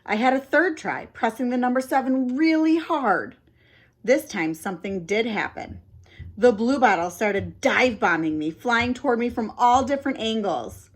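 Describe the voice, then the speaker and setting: A woman reading a children's chapter book aloud with animated, dramatic expression. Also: a little high, moderate pace. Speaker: storybook reader. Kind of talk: expressive read-aloud narration.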